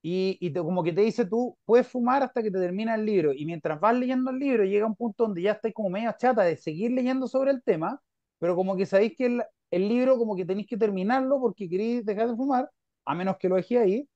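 A man's voice: high-pitched, quick pace, no echo. Young Chilean man, podcast host on a dry, dull call line, chatty and rambling. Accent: Chilean Spanish. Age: young adult. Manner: rambling, filler-heavy, animated. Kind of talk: casual conversation on a video call. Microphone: video call.

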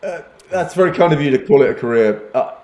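A man's voice: a little high, animated, fast, darkish tone, roomy sound. An older man grew up in East Africa and speaks as a podcast guest, self-deprecating and often restarting his sentences. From Uganda and Kenya. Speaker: podcast guest, advertising executive. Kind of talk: conversational interview.

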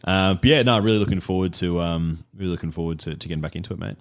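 A man with an Australian accent and a low voice co-hosts a podcast. He chats casually, in slangy, self-deprecating style. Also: racing. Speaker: podcast co-host. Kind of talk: casual chat.

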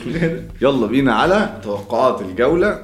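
A man's voice: fairly high pitch, lively intonation, very fast, a little mellow, reverberant, faint music behind. A man with an Egyptian accent hosting a casual chat, joking and playful. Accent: Egyptian Arabic. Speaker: host.

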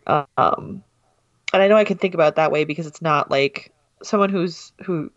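Emotional, animated young woman chatting. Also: deep voice, normal speed, no room sound, dull audio. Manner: emotional, animated, many "like" fillers. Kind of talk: casual chat.

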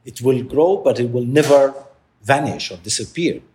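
Halting, soft-spoken male interview guest. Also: medium pitch, slight background noise. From Palestine. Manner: halting, searching for words, frequent restarts. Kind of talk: reflective interview talk.

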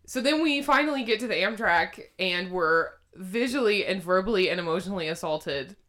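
A woman's voice: medium pitch, lively intonation, brisk, fairly bright tone. A woman co-hosting a podcast, telling a travel story in casual chat and laughing often. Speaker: podcast co-host.

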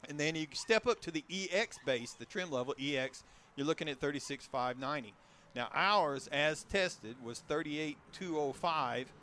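A man's voice: fairly high pitch, lively intonation, moderate pace, bright, forceful tone, slight background noise. A man hosting a casual car talk show, chatting in a rambling way with restarts about a vehicle he drove.

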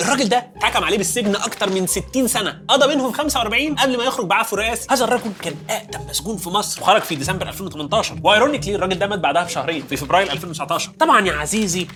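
A man's voice: high voice, lively intonation, very fast, hardly any pauses, sharp tone, soft background music. A man with an Egyptian accent hosts a comedic science show. He narrates playfully and keeps turning to the viewer as "dear". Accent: Egyptian Arabic. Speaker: host.

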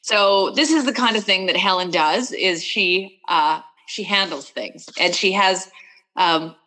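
A woman's voice: medium pitch, a little slow, low-quality recording. A woman author reading from her novel expressively, then chatting about her characters. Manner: expressive reader, chatty with fillers. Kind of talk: book reading and interview chat.

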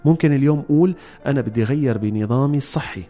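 A man's voice: mid-range voice, racing, warm tone, faint music behind. A man with a Levantine Arabic accent hosting a motivational explainer, speaking directly to listeners in an instructive, emphatic way. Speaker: host of a self-help series.

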